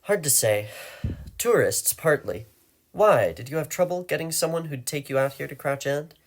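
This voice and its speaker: A patient police constable who questions calmly and evenly, voiced by a male narrator. He stays level and unhurried. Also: fairly high pitch, voice pushed up.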